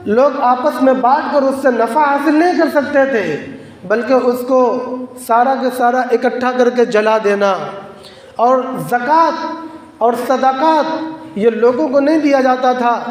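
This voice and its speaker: High-voiced male preacher in an echoing hall. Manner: measured, emphatic, repeats phrases for weight. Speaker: Islamic preacher. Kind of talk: sermon. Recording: echoey hall with long reverb.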